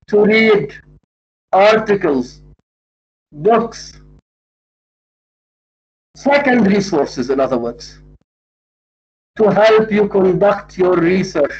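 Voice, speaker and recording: A high-voiced man with an Arabic accent lectures like a university English teacher, stressing and repeating his points in a didactic way. The recording is dull and lo-fi. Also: darkish tone. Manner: didactic, emphatic, repeats and spells out key points. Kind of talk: lecture on academic writing. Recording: dull lo-fi audio.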